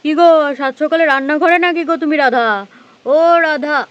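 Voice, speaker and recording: A woman's voice: high-pitched, brisk, fairly bright tone, lo-fi sound. A woman playing a fussing old grandparent. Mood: searching. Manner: fussing, calling out, soothing the baby. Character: fussing elderly grandparent, worried and busy.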